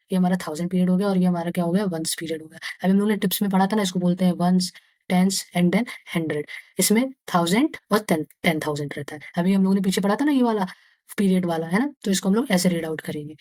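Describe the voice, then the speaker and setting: A woman with an Indian accent teaching maths to young pupils. She reads English textbook lines slowly, then explains them again and counts aloud step by step. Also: medium pitch, a little mellow, dry recording. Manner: slow, deliberate reading of English textbook lines; explains each line again in Hindi. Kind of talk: casual lesson for young pupils.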